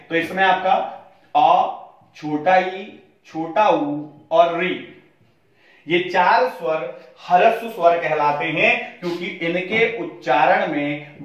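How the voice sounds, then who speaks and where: A man's voice: sits high, highs cut off. A man teaching a class, asking questions and answering them himself, repeating key phrases. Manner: repeats phrases slowly for emphasis. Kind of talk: classroom lesson. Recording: very echoey room, voice from a distance.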